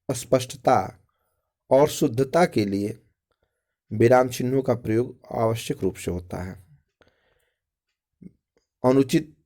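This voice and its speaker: Mellow-voiced man teaching grammar. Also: medium pitch, creaky. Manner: explains step by step, repeating phrases and asking "ठीक?". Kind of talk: school grammar lesson.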